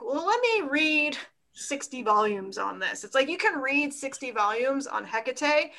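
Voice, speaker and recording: A woman's voice: fairly high pitch, bright, forceful tone, rough recording. A woman with a Philadelphia accent, a dance teacher and author, chatting animatedly in an interview and laughing often. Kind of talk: casual interview chat.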